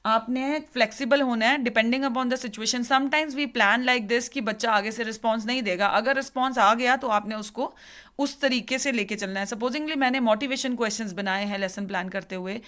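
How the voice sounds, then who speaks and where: Woman, teacher educator, lecture, code-switching Hindi-English, fairly high pitch. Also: a bit bright. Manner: mixes Hindi and English, explanatory, with pauses. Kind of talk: classroom lecture.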